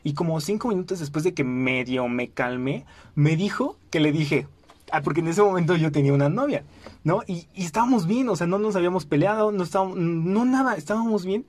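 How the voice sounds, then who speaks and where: A young man with a Mexican Spanish accent, telling a funny personal story in a casual, animated way. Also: high-pitched, a little fast, no room sound. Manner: animated, acts out quoted voices, frequent fillers. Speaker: podcast host.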